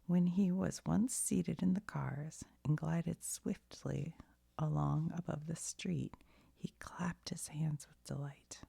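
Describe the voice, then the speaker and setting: This bedtime story is read by a woman in a deep, breathy half-whisper, hushed and gentle in the ASMR tradition. Her intonation stays fairly even, her pace is slow, and the sound is dry.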